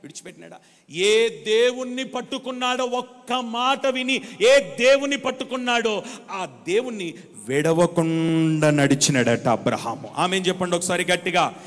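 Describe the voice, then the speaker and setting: A male pastor delivers an emphatic sermon in a lofty voice. He shifts from loud proclamations to quiet, probing questions and urges his listeners to answer aloud. His words ring out with the long reverb of a large church hall. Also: sits high, lively intonation, moderate pace. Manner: swings between loud declarations and hushed questions. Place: church service.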